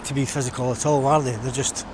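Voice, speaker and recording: Walking outdoors on a busy seafront, a middle-aged man from Scotland vlogs in a loose, reflective, chatty style. He talks fast with a flat delivery at a medium pitch, while street noise and traffic fill the background.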